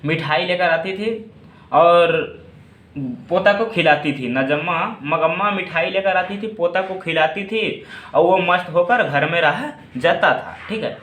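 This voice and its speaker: Chatty tutor, echoey room. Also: male voice, sits high, measured pace, fairly bright tone. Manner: repeats questions and answers them himself. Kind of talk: casual classroom story explanation.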